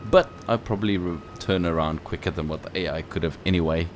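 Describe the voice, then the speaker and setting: A non-native English-speaking man with a low voice talks fast over slight background noise. He hosts a let's play, giving casual gameplay commentary as he thinks aloud and tosses in playful asides.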